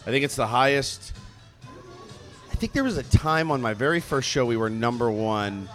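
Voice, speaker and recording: A male radio host in his thirties chatting casually and telling stories with lively put-on voices. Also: medium pitch, normal speed, soft background music. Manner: animated storyteller, mimics voices when venting. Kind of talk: casual chat.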